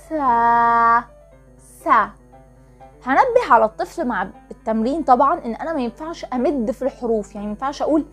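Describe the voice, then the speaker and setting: An Egyptian woman with a high voice talks quickly as she teaches parents how children learn to read. She explains each step with care and drags out single letter sounds to show how they blend. Soft music plays behind her. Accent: Egyptian Arabic. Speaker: channel host teaching phonics to parents. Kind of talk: instructional talk to parents.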